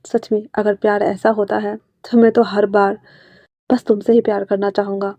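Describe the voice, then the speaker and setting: A woman voicing a calm, affectionate young man who speaks softly and low, in a dry, slightly muffled recording. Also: normal speed, no room sound, close to an everyday voice. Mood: tender. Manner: soft, low and hushed.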